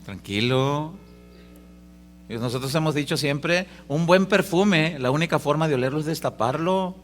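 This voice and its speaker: A man preaching a Sunday sermon in a folksy, joking way, getting loud when he stresses a point. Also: on the high side, normal speed, slight background noise. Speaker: pastor. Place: church service.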